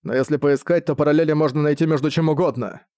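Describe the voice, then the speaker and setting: A man reading an audiobook, playing a weary, calm knight leader who speaks in a measured way. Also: a little high, no room sound, studio quality, close to an everyday voice.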